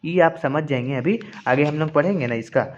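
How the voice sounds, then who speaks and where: A man's voice: fairly high pitch, fairly quick. Man teaching recitation, dull lo-fi sound. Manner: repetitive, patient explaining. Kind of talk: explanatory lesson with slow recited examples.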